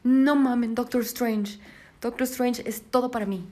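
A young Mexican woman hosting a solo podcast, out of breath as she paces, talking in an excitable, profane rush that swings from shrieks to hushed asides. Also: fairly high pitch, unhurried. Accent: Mexican Spanish. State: out of breath, pacing. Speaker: podcast host.

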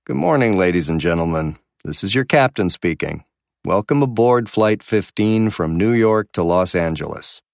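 A man playing a courteous airline captain, making a formal, clearly enunciated scripted announcement to passengers. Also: low-pitched, expressive, normal speed, dry recording, clean studio sound. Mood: courteous, informative.

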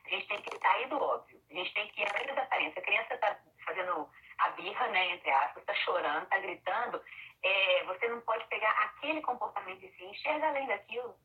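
Fast-talking woman therapist, bright voice, muffled lo-fi audio. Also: mid-range voice, animated. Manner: talks fast, acts out parents' words. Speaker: parenting therapist. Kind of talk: casual conversation. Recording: dull lo-fi sound.

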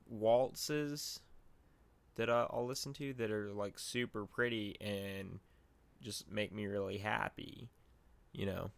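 A man co-hosting a casual podcast chat, talking in a slow, reflective way with many fillers. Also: fairly low pitch, creaky, a bit bright. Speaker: podcast co-host.

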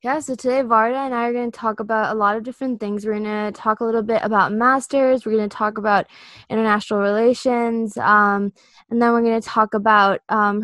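A woman hosting an interview show, upbeat and encouraging, often filling pauses with "um" and "mm-hmm". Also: fairly high pitch, fairly bright tone, no echo. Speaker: podcast host. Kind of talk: casual interview.

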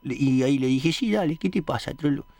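A man's voice: mid-range voice, fairly quick, a little mellow, dry recording, lightly acted. A man playing a drunk, foul-mouthed old petty thief with an Argentine accent, rambling and hurling insults on a radio comedy show. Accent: Argentine Spanish. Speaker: comic character on a radio show.

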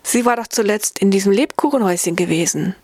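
A woman narrating a fairy-tale audiobook in a gentle storytelling way, lifting her voice slightly for the characters. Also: quick pace, dry recording. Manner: gentle storytelling, voicing characters with small pitch shifts.

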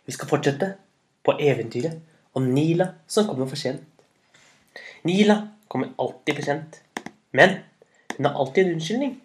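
Animated male storyteller with loud bursts. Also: fairly high pitch. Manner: animated, with loud emphatic bursts and drawn-out words. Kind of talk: children's storybook narration.

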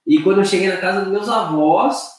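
Young Brazilian man, Brazilian Portuguese accent, chatty guest, slangy fillers, high voice, far from the mic. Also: fairly quick. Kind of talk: casual storytelling. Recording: echoey room, far from the mic.

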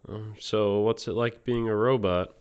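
A male podcast host with a New Jersey accent who speaks hesitantly and leans on fillers. His voice sits on the low side and comes across smooth and clear. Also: fairly even intonation, unhurried, darkish tone, muffled recording. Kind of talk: comedy podcast sketch.

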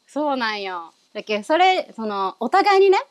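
Lively Yamaguchi-dialect woman. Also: on the high side, normal speed, no room sound, clean studio sound. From Yamaguchi, Japan. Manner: playful, laughs often. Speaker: podcast co-host. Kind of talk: casual chat.

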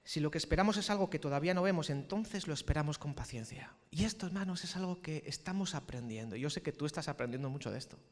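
A man from Spain preaching a sermon as pastor, animated and playful, with shouted peaks. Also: a little high, quick pace, few pauses, long reverb tail. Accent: Spanish from Spain.

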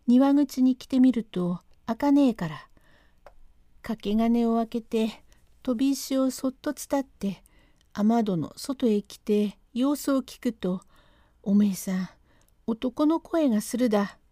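A woman voicing an excitable rustic male servant who talks in thick country dialect, reading a classic comic storytelling text aloud. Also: on the high side, slow, no room sound, clean studio sound. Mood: urgent.

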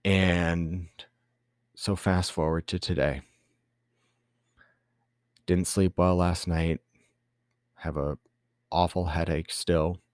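A young adult man hosting a podcast, telling a candid personal story in a halting way with many ums and restarts, tearful at times. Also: deep voice, little pitch movement, a little mellow, dry recording, clean studio sound. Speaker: podcast host. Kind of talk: personal reflective monologue.

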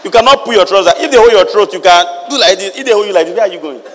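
A man's voice: high-pitched, animated, rapid-fire, fairly bright tone, long reverb tail, a little hiss or hum. A man preaching a sermon, reading verses and firing rhetorical questions at the congregation. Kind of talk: lively sermon with Bible reading.

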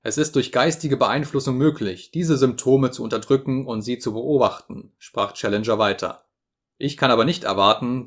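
A man's voice: medium pitch, lightly acted. A man reading as a pompous old professor. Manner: grandiloquent, lecturing. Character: pompous, self-satisfied elderly male professor.

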